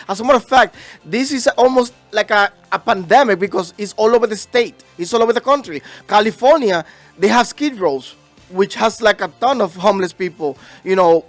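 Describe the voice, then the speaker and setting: A man's voice: high-pitched, a bit bright, no echo. A man on a talk show speaks animatedly and mixes Spanish phrases into his English. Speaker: interviewer. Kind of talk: casual talk-show discussion.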